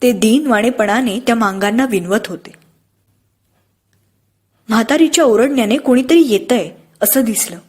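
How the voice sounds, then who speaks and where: A woman narrating an audiobook in a steady, expressive storytelling manner. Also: a little high, moderate pace, long pauses, slightly rough.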